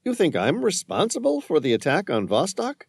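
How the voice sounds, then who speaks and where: A man's voice: high-pitched, huge pitch swings, normal speed, creaky, husky, dry recording, voice pushed up, heavily acted. A man voicing a cold, calculating male handler in an audiobook, speaking in a cool, clipped, businesslike way. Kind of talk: audiobook narration.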